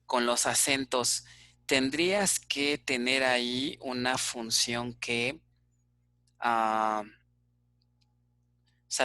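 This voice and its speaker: A man with a Mexican Spanish accent teaches an online database class, explaining step by step and checking in often with "ok?" fillers. His voice is medium-pitched and sharp, with no echo.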